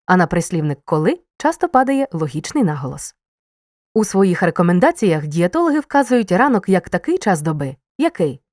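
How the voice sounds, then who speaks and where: A woman reading a scripted grammar lesson, explaining clearly and stressing key words. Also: fairly low pitch, a little mellow, dry recording, clean studio sound. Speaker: teacher.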